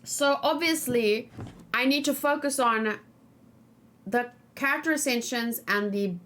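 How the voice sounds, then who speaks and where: A female let's play host streams a video game, casually chatting with viewers and thinking out loud as she plays. Her voice sits a little high with a fairly bright tone, and she speaks in an unhurried way.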